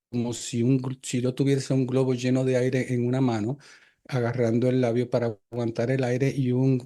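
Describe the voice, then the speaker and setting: An older man, a guest in an interview, recounting personal experiences in a reflective, hesitant way with frequent filler pauses. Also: medium pitch, warm tone.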